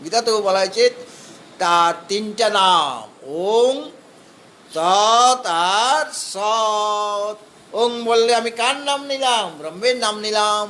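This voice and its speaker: A man with a Bengali accent giving a scripture discourse, explaining step by step, chanting Sanskrit verses slowly and asking rhetorical questions. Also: high-pitched, bright, forceful tone. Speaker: spiritual teacher. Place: hall of a spiritual society.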